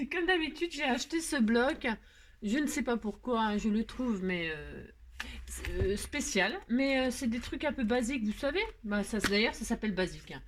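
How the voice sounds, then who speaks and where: Chatty French woman with a raised pitch. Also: expressive, moderate pace, a little hiss or hum. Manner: chatty and self-mocking, many fillers and laughs. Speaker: crafting video host. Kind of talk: casual craft tutorial chat.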